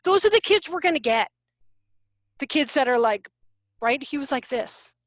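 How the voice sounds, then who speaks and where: A woman giving a casual, animated teaching workshop over a video call from home, with quick asides. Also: sits high, dry recording. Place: room at home.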